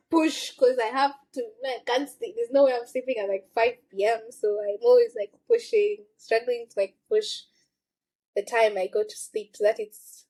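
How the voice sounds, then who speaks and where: A woman's voice: on the high side, darkish tone, low-quality recording. A young woman with a Kenyan accent chatting casually, full of fillers and frequent laughter. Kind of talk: casual chat.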